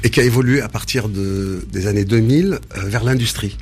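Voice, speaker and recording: A man in his sixties from Senegal, answering interview questions in a measured way with frequent hesitations and restarts. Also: lowish voice, darkish tone, husky. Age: 60s. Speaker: interview guest, business founder.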